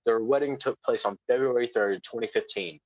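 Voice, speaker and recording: A man co-hosting a casual podcast, laid-back, reading haltingly from a web page. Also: mid-range voice, no echo, highs cut off. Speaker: podcast co-host.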